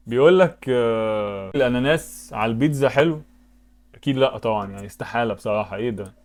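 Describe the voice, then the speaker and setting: A man's voice: medium pitch, brisk, darkish tone. A man with an Egyptian Arabic accent giving casual commentary while playing web games, thinking aloud and breaking into sudden exclamations. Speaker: YouTuber.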